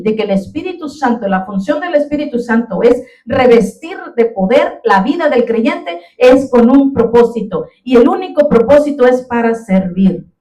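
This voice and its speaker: A woman's voice: fairly high pitch, mellow, far from the mic. A woman preaching a fervent sermon in a church, often calling out to her brothers and sisters in the congregation. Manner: fervent, addresses listeners as brothers. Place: church sanctuary. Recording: echoey room, voice from off the mic.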